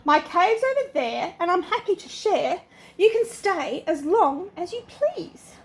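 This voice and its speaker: A woman's voice: extremely high pitch, very animated, a little slow, heavily acted. An older woman, a sweet old lady, voicing a hungry male brown bear from a storybook, blunt and grumpy but generous. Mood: welcoming.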